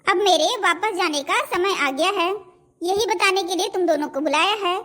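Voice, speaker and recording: A woman's voice: very high voice, moderate pace, bright, forceful tone. A woman voicing a stern, bossy old grandmother-in-law in a cartoon, commanding and scolding. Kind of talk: cartoon voice acting.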